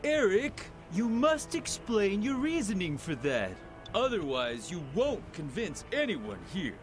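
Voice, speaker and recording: A man's voice: high-pitched, very animated, unhurried, faint music behind. An actor playing a greedy, scheming male rebel officer with a wheedling, theatrical manner. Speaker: game character.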